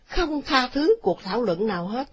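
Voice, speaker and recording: A woman voicing an excitable older mother in a spoken story. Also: normal speed, dull audio. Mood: stubborn. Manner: shrill, excitable. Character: older mother, shrill and fretful.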